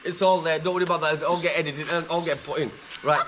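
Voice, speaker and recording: Touring his family's old village house, a man chats casually, cracking jokes and rambling like an informal tour guide for his vlog. He speaks fast with a slightly high voice and fairly even intonation, amid reverb and background noise.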